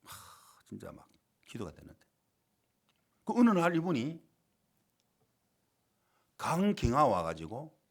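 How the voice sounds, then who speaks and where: A middle-aged male pastor preaching a sermon in a church, telling a story with dramatic swings between loud and quiet. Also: medium pitch. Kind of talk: sermon with acted-out quotes. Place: church sanctuary.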